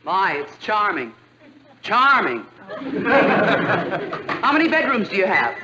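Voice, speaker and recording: A woman's voice: medium pitch, big pitch swings, slow, a loud crowd, heavy background noise. An actress playing a haughty, condescending woman looking over a house to rent, in a 1960s TV sitcom. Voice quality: affected, condescending. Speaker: snooty prospective tenant. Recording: dull old TV soundtrack with music and laughter.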